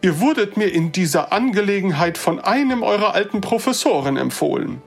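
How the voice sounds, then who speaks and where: A storyteller voicing an older human gentleman who speaks formally and a little hesitantly. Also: mid-range voice, animated, brisk, gravelly, breathy edge, faint music behind, voice pushed up. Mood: earnest. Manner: formal, hesitant, old-fashioned.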